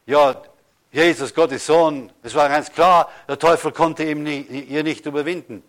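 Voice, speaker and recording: Emphatic preaching pastor, slightly high voice. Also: male voice. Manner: preaching with emphatic slow stresses and rhetorical questions. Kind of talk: sermon.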